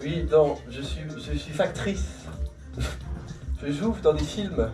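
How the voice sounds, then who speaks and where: A woman's voice: deep voice, takes it slowly. A woman playing an earnest, defensive actress in a comedy sketch, with a slushy lisp that muddles consonants into F sounds. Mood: earnest, sheepish. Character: ugly lisping actress desperate for casting roles. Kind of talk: improvised stage sketch interview. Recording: distant echoey hall, loud music and crowd.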